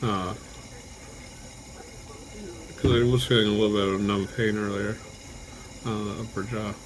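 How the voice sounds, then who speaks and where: A man chatting casually to camera in a halting, low-key way, his mouth numb, dry and stiff after jaw surgery. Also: steady tone, low-quality recording. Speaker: vlogger, patient recovering from jaw surgery. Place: hospital room. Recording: clear background noise throughout.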